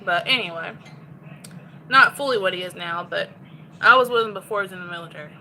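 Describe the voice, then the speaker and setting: Woman, candid cooking vlog chatter, bright voice, faint kitchen noise. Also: fairly low pitch, fast talker, rough recording. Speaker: cooking vlogger. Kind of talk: casual chat while cooking. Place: home kitchen.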